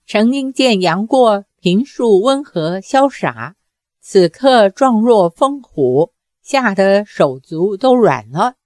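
A woman reads a martial arts novel aloud at an unhurried pace in a steady, measured manner. Her voice sits at a middle pitch. It sounds close and dry, with no room around it. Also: no echo. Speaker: narrator.

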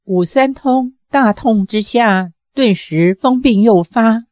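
一位女性朗读者，以从容而富有戏剧感的方式讲述武侠小说。. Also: female voice, on the high side, a little mellow, dry recording, clean studio sound. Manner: measured, dramatic storytelling. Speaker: narrator. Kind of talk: audiobook narration.

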